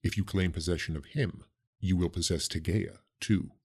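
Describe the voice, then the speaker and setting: A man voicing a solemn, cryptic ancient priestess who speaks prophecies slowly and gravely. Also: deep voice, voice pushed down. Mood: solemn prophetic. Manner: slow, grave, prophetic delivery.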